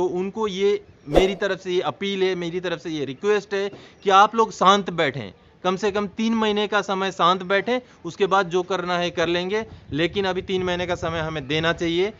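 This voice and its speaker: Male vlog host, high-pitched, earnest and explanatory, faint background hiss. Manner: earnest, explanatory, addresses viewers as friends. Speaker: YouTube channel host. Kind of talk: informational vlog address. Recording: slightly dull sound with faint noise.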